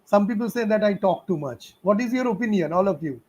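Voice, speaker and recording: A middle-aged physics teacher with an Indian English accent answers students' questions on a live stream, giving fatherly, encouraging advice in a chatty way full of fillers and laughs. His voice is high-pitched, a little mellow, brisk, and lively in intonation, and the audio is dull.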